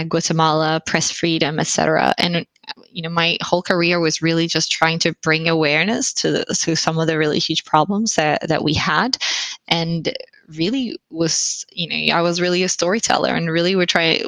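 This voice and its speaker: A woman's voice: deep voice, gravelly, a bit bright, no echo, low-quality recording. A woman from Finland, a guest investor answering interview questions reflectively, often restarting her sentences. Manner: reflective, with restarts and self-corrections.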